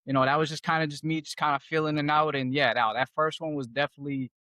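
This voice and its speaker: A man's voice: on the high side, fairly even intonation, quick pace, bright, forceful tone, no echo. A man hosting his podcast, asking questions in a laid-back, slangy way, full of "like" and "kinda". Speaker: podcast host. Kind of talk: casual interview conversation.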